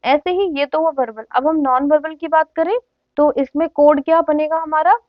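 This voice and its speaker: A woman teacher giving a classroom lecture, mixing Hindi with slow, deliberate English phrases and often asking the students whether they follow. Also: sits high, fairly even intonation, no room sound. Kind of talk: classroom lecture explaining communication skills. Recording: dull, dry, lo-fi lecture recording.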